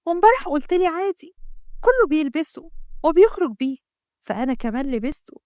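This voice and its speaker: A woman's voice: high-pitched, big pitch swings, fast talker, mellow, no room sound, studio quality, voice pushed up. A woman voicing a defiant, sassy young woman, speaking with an Egyptian accent in a taunting, self-assured way. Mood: teasing.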